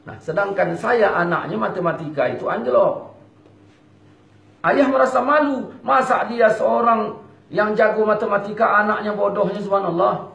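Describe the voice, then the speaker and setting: A man preaching, telling a lively, humorous story and acting out the dialogue. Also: high voice, normal speed, creaky. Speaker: Islamic preacher. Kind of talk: sermon with storytelling. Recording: lo-fi echoey hall recording.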